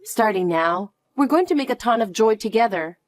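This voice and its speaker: A woman playing a protective mother in an audio drama, speaking softly and reassuringly. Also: a little high, expressive, dry recording, soft background music. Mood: soothing. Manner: slow, soothing and reassuring. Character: soft-spoken protective mother.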